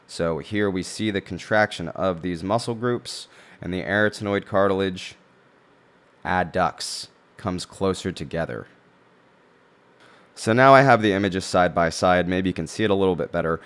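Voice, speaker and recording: A man giving a tutorial on vocal technique, explaining things step by step as a teacher. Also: deep voice.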